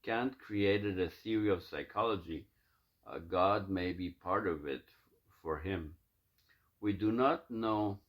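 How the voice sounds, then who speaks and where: A man recording himself talking through his plans and then reading aloud from his own notes, halting and full of fillers and restarts. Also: low-pitched, dull audio. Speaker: self-recording reader of his own writings.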